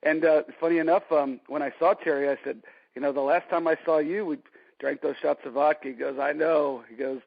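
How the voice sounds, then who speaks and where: A man's voice: on the high side, fairly even intonation, brisk, gravelly, breathy edge, dry recording. A man in his forties, a guest telling stories in a casual interview and filling his talk with "you know". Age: 40s. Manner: rambling storyteller, many "you know" fillers. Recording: dry, dull lo-fi line.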